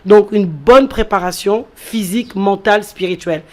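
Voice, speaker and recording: An entrepreneur guest raised in France speaks at a moderate pace and medium pitch in an interview. She takes her explanations step by step and repeats key phrases for emphasis.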